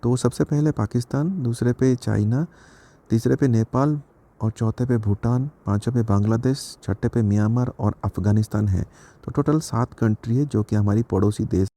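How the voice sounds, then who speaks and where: A man teaching geography, reading each fact slowly and then explaining it. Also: medium pitch, mellow.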